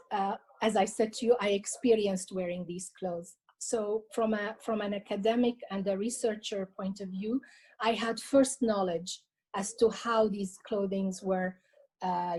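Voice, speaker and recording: A woman from Iraq who grew up in the Emirates, talking as an interview guest. Her voice is soft and mellow, and she speaks thoughtfully, pausing on fillers and restarting phrases as she goes. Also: medium pitch, rough recording. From Iraq, raised in the UAE. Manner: measured, thoughtful delivery with frequent hesitations and restarts. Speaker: guest, collector and researcher of traditional dress. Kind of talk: interview answers.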